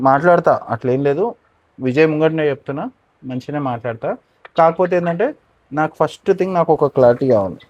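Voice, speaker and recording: A man's voice: a little high, muffled recording. A man, talking earnestly and pleadingly in an emotional on-camera conversation. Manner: earnest, pleading, often subdued. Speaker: regular of the show.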